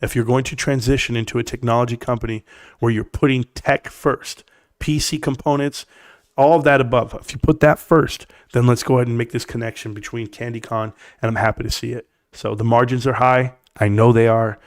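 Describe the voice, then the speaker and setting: Here a middle-aged stock streamer with a scratchy mid-range voice talks a little fast, keeping his tone steady. Blunt and emphatic, he pushes his opinions on stocks straight at the chat. The recording is dry and studio-clean.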